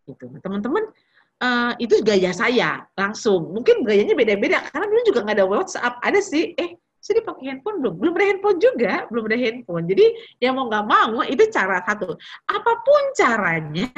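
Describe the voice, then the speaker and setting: A woman in her fifties preaches in a chatty, storytelling way, dropping slang and English words. Her voice is husky and pitched fairly high, and it moves up and down a great deal. The recording sounds a little dull and lo-fi. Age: 50s. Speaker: preacher speaking to young people. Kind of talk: casual sermon with personal stories.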